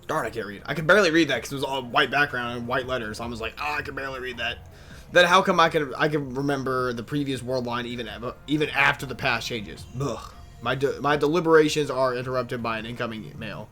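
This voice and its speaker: A man's voice: medium pitch, fast, bright, forceful tone, faint music behind. A man reading a visual novel aloud as a let's play host, tripping over words, restarting lines and muttering complaints between them. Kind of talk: reading game text aloud with casual asides.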